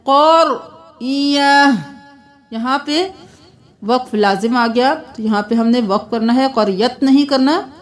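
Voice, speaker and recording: In a word-by-word tajweed lesson, a woman with a voice on the high side teaches Quran recitation. She draws each word out slowly and melodically, then switches to brisk spoken explanations of the pronunciation rules.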